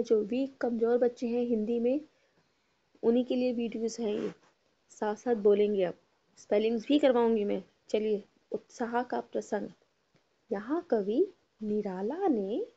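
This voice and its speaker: A woman's voice: fairly high pitch, moderate pace, warm tone. A woman teaching a Hindi lesson, patiently spelling out words syllable by syllable and having students repeat after her. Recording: dull lo-fi recording.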